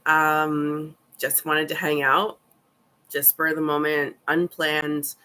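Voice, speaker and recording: A woman with a raspy, hoarse voice from a cold, chatting casually and swearing on a live stream. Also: low-pitched, flat delivery, slow pace, sharp tone. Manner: chatty and profane, many fillers.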